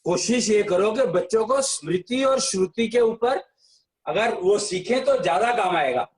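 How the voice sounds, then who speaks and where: A man's voice: high voice, expressive, a little slow. A man explaining tradition in a casual discussion, insistent and lecturing. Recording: echoey room.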